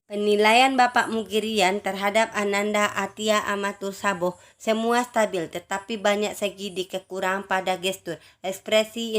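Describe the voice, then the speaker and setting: A woman announcing a writing contest's results, reading out judges' feedback in measured, list-like phrases with small restarts. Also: medium pitch, fairly bright tone.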